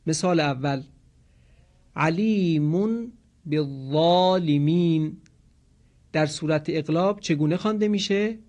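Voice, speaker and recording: Male recitation teacher, slightly high voice, patient explanations, slow drawn-out example chants. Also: darkish tone, lo-fi sound.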